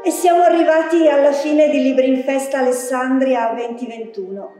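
A woman organizer giving a closing announcement to a theatre audience, unhurried and addressing them directly. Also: high voice, steady tone. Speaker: festival organizer. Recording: echoey hall from far off, faint music.

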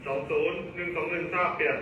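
A man's voice: on the high side, steady tone, racing, muffled recording, noisy background. A man, a police officer, giving a terse acknowledgement over a police radio.

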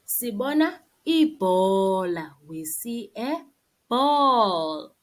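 A woman with a South African accent teaches beginners very slowly, in the simple way one reads to a toddler. Her voice is fairly high and swings up and down in a lively way as she repeats each word and phrase. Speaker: isiZulu language teacher. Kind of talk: slideshow vocabulary lesson for young beginners, bilingual.

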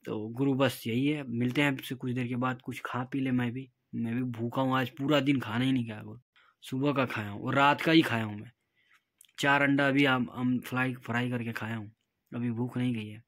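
A man's voice: mid-range voice, level tone, moderate pace, fairly bright tone, dry recording. A man telling a long casual vlog story, chatting to viewers and retelling a quarrel with friends over parking. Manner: chatty, retells quarrels by acting out quoted voices. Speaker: vlogger. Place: in a car and at his room.

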